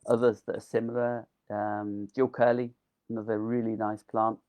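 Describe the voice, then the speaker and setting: This delphinium grower gives a casual live online talk in a fairly low, darkish, clean voice, his delivery flat and his pace moderate. He stays chatty and enthusiastic, full of ums, even as his voice wears thin.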